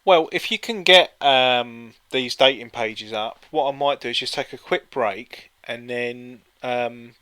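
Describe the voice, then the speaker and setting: Bright, crisp man joking around. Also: medium pitch, unhurried, few pauses, no echo. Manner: jokey, reads listings aloud in bits. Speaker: streamer co-host. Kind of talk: casual chat on a live stream.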